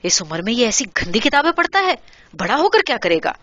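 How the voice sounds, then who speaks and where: A woman voicing an angry middle-aged mother scolding her son, with a shrill rising voice. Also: very animated, sharp tone, no room sound, dull audio. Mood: furious scolding.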